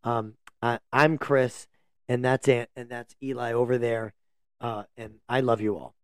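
A man's voice: mid-range voice, flat delivery, unhurried, smooth, no room sound, studio quality. A man co-hosting a casual sports podcast, talking through games in a meandering, joking way into a podcast microphone. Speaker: podcast co-host.

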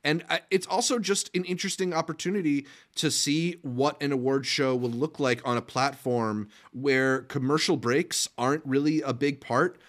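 A man co-hosting a casual movie podcast. He talks at a measured pace and lays out his points clearly. His voice sits at a middle pitch for a man. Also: steady tone. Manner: measured, explanatory. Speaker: podcast co-host. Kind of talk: casual movie-news chat.

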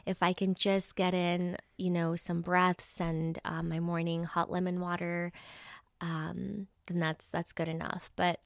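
A woman in her thirties from El Salvador, a wellness practitioner speaking softly and reflectively as a podcast guest. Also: fairly low pitch, little pitch movement, a little slow, vocal fry, no room sound, studio quality. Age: 30s. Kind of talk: casual conversation.

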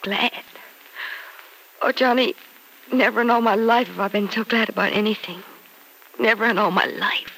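A woman's voice: medium pitch, steady tone, normal speed, gravelly, long pauses, fairly bright tone, breathy edge. An actress playing an earnest, anxious, lovelorn young American small-town woman in an old radio soap. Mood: overjoyed. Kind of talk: 1940s radio soap acting. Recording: noisy vintage radio recording.

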